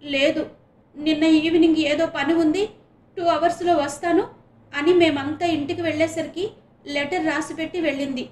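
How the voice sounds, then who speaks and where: A woman's voice: high-pitched, steady tone, normal speed, darkish tone, echoey room, pitched above the performer's own voice, natural voice. A woman voicing a frightened, tearful teenage schoolgirl who pleads between sobs. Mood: tearful fear. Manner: sobbing, pleading.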